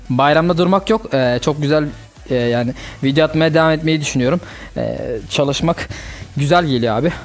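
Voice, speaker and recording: A young man hosting a gaming channel, chatting casually and reacting excitedly to a mobile fighting game as he plays. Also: on the high side, moderate pace, long pauses, faint music behind.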